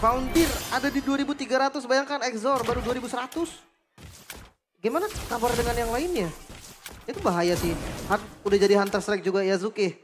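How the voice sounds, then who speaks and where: A woman's voice: on the high side, a little fast. A woman giving casual live analysis of a game match. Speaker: esports analyst commentator. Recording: loud music behind the voice. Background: music.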